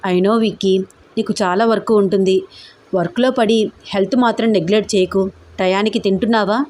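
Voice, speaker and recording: Woman reading as a sweet young college girl, soft and pleading, mid-pitched voice, caring girlfriend on a call. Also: fairly even intonation, normal speed, lightly acted. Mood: affectionate. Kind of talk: audio story reading.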